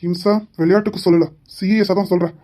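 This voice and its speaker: A stern young policeman husband, played by a woman who lectures firmly and fast. The voice is lowish for a woman and quick-talking. Amateur family drama. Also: fairly even intonation, close to an everyday voice. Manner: firm, lecturing, shouts for his wife.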